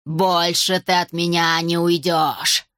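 A woman voicing a gloating undead old woman villain in an audiobook, with slow, hissing speech. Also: fairly low pitch, little pitch movement, a bit bright, dry recording. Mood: gloating triumph. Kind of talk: audiobook character voice.

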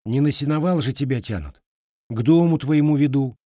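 Lead hero, audiobook: male reader as a calm, wry young Cossack, firm and teasing. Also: medium pitch, normal speed, dry recording, studio quality, voice pushed up, lightly acted. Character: steady young Cossack marksman, mocking.

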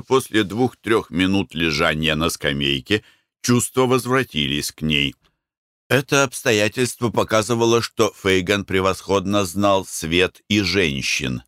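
A man reading an audiobook as narrator, expressive and measured. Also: sits low, clear, resonant tone, no echo, clean studio sound. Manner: expressive, even-paced reading. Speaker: audiobook reader. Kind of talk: scripted narration.

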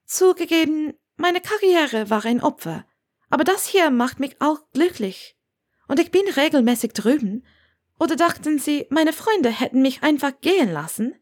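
A woman voicing a bold, defiant young witch, with a high, bright, teasing delivery. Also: animated, moderate pace.

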